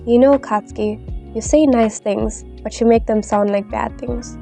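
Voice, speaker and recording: A woman's voice: a little high, fairly even intonation, moderate pace, vocal fry, faint music behind. A woman playing a lonely orphaned shapeshifter child. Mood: tearful. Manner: soft, earnest and tearful.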